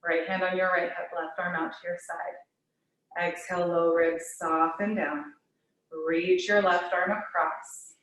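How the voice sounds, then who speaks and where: A woman with a lowish voice guides hatha yoga in a soothing, unhurried way. Her cues are gently inviting and spaced with pauses. She is heard at some distance from the microphone in a very reverberant room. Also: level tone. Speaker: yoga teacher.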